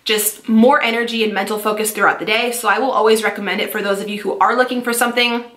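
A woman in her twenties from California, chatting quickly and eagerly about fitness products she uses. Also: a little high, fairly even intonation, fairly bright tone, reverberant. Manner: fast, chatty, enthusiastic. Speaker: fitness vlogger. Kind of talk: casual product-review vlog.

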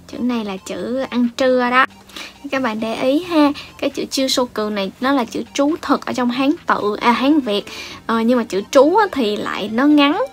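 Một phụ nữ người Việt giảng giải đáp án đề thi tiếng Nhật, kiên nhẫn và từ tốn, hay chêm "ờ" và "ha". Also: female voice, a little high. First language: Vietnamese. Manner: patient, explanatory, many fillers and rising "ha" tags. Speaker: Japanese language teacher. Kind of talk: explaining exam answers.

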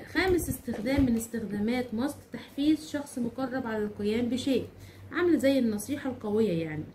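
A woman teacher with an Egyptian Arabic accent explaining English grammar, saying example sentences slowly and repeating them. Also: a little high, a little mellow, a little hiss or hum. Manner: slow drawn-out English examples, repeats phrases, asks rhetorical questions.

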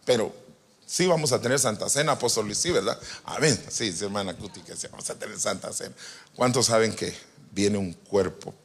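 A man preaching a sermon to pastors, animated and joking with the congregation, swinging from loud to soft. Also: lowish voice, brisk, vocal fry. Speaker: apostle preaching. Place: church retreat hall.

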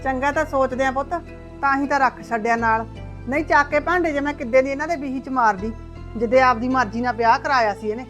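A woman with a Punjabi accent playing a sharp-tongued village mother-in-law who scolds fast and loud. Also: high-pitched, steady tone, faint music behind. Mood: scolding. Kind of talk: village family drama acting.

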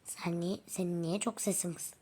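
A woman voicing a sick, weak princess who asks for things softly in a hushed, husky voice during a game role-play. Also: on the low side, steady tone, normal speed, voice pushed down.

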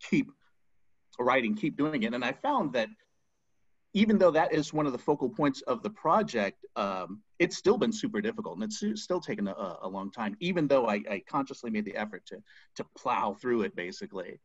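A man's voice: mid-range voice, very animated, moderate pace, slightly rough, no echo. A man in his forties, a spoken word artist, talking as a guest in a casual video-call interview from home, hesitant with many ums and restarts. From United States. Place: home room, seated on a couch. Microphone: video call webcam. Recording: dull lo-fi call audio.

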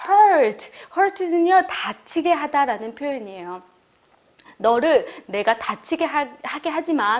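A woman teaching English phrases in a lesson, speaking Korean and voicing English model sentences slowly for repetition, often checking in with the learner. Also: a little high. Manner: frequent "그쵸?" check-ins with the learner.

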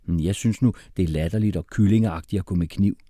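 A man voicing a calm, sensible girl who speaks reassuringly. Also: sits low, no room sound, studio quality. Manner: soothing, level-headed.

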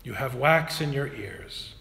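A man's voice: medium pitch, lively intonation, measured pace, creaky, pushed and bright. A man, a parish priest, earnestly introducing a guest speaker in a church hall. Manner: earnest, emphatic. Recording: roomy hall echo with faint noise.

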